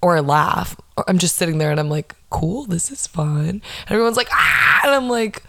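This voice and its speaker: On her podcast, a young host with a low, non-nasal voice delivers a sarcastic, profanity-filled rant, putting on mocking impressions of those who irritate her. Her tone is bright and forceful, at a moderate pace. The recording is close and dry, without any room sound.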